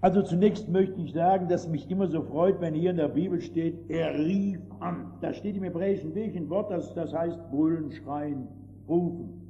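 An older man preaching a sermon with emphasis, dropping to quiet asides and rising to loud exclamations, often turning to his listeners with rhetorical questions. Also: a little high, normal speed. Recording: dull old recording with long reverb and faint hiss.

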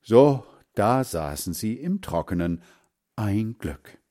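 A man slowly reading a children's story aloud with expressive delivery. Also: on the low side. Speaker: narrator.

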